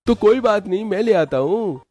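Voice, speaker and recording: Man doing a high, earnest young brother-in-law. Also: animated, normal speed, warm tone. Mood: eager. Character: young male brother-in-law, kind and helpful.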